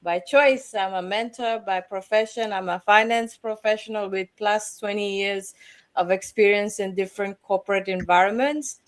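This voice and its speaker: A middle-aged woman from Fiji, a guest panelist speaking in a measured, slightly halting way. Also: mid-range voice. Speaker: guest panelist, finance professional and mentor.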